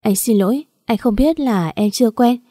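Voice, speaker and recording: A woman voicing a young man gently apologizing. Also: a little high, moderate pace, no echo, studio quality, natural voice. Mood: tender, apologetic. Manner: soothing, repetitive murmuring.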